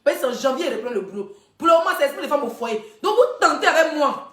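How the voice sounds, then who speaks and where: A woman, hosting a casual live stream and telling gossip straight to her viewers in a chatty, animated way. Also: sits high, fast, roomy sound. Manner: chatty, animated storytelling, addressing viewers directly.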